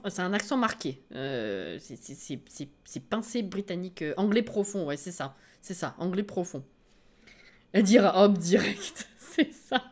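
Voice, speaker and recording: A woman streamer reacting live to a game trailer, excitable, laughing often and thinking aloud. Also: lowish voice.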